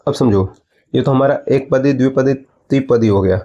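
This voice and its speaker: A man's voice: mid-range voice, normal speed, warm tone, lo-fi sound. A man teaching a maths lesson, explaining step by step and asking his students questions before answering them himself. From India.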